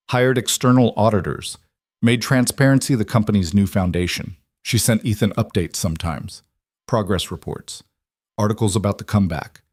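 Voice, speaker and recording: A man narrating a scripted story in a measured, even manner. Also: fairly low pitch, dry recording, clean studio sound.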